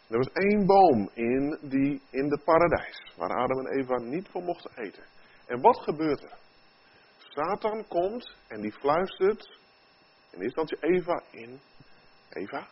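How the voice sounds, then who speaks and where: A male preacher delivers an earnest sermon, now and then pushing out emphatic questions. His voice is slightly husky. The recording sounds dull and lo-fi. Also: a little high.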